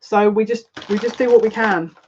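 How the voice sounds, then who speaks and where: A woman hosting a psychic livestream gives a live spiritual reading, speaking earnestly and confidingly and circling back to repeat her own phrases. Her mid-range voice holds a steady tone at a moderate pace. The lo-fi livestream audio sounds a little dull, with a noisy background.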